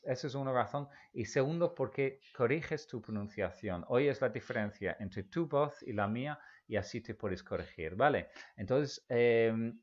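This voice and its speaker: Male English teacher, patient drilling style, unhurried delivery with an animated, swinging pitch, slightly muffled lo-fi recording. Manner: slow, patient drilling with repeated example phrases. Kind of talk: language lesson explaining in Spanish.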